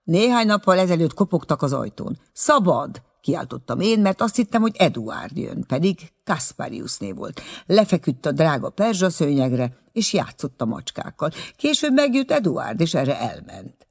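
A man's voice: fairly high pitch, very animated, vocal fry, voice pushed up, full character voice. A man reading an audiobook and voicing an earnest, bashful young male doctor who tells his story eagerly.

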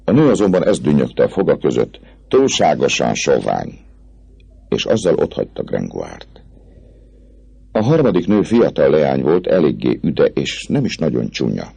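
Very deep, gravelly male narrator. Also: huge pitch swings, dark tone, no echo, lo-fi sound. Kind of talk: audiobook narration of a classic novel.

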